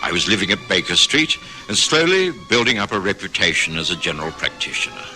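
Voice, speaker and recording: An actor playing a kindly, respectable Victorian doctor in a radio drama, measured and solicitous. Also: male voice, lowish voice, huge pitch swings, music in the background, low-quality recording. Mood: reflective storytelling. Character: kindly, respectable Victorian male family doctor, fussily concerned. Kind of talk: radio drama narration and dialogue.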